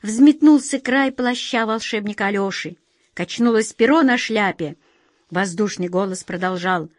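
A woman narrating a children's fairy tale with expressive storytelling. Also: mid-range voice, a little slow, no room sound, clean studio sound. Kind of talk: audiobook fairy-tale reading.

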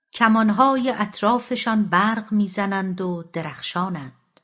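A woman voicing a calm but firm wandering male dervish in an audiobook, speaking in a steady, unhurried way. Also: medium pitch. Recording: slightly dull lo-fi audio.

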